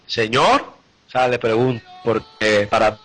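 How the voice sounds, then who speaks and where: A man's voice: fairly high pitch, moderate pace, fairly bright tone, soft background music, rough recording. A man preaching a live sermon, earnestly retelling scripture and often repeating and restarting his phrases.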